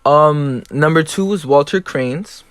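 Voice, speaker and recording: A man's voice: a little high, slow, fairly bright tone, no room sound. A young man co-presenting a student podcast, going through prepared notes in a matter-of-fact, list-like way.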